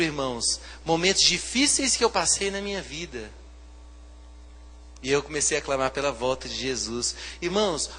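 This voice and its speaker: Man, Brazilian Portuguese accent, pastor's sermon, hushed to loud fervent preaching, bright ringing tone. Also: on the high side, slightly rough, in a large hall.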